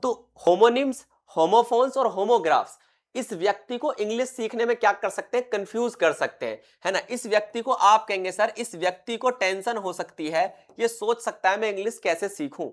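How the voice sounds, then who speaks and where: A man's voice: sits high, moderate pace. A male teacher delivers an exam-prep lecture. He keeps firing questions at his class and then answers them himself. He drives each point home by repeating the key terms. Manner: quizzes students constantly, answers his own questions.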